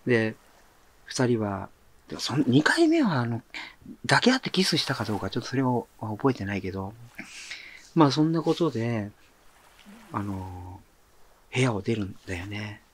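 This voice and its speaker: A middle-aged man hosts a monologue show and tells a personal story in a relaxed, conversational way. His pitch rises and falls constantly, and he often drops to a quiet murmur. He talks with the easy rhythm of someone chatting to listeners. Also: moderate pace, pauses often. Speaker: author and monologue host.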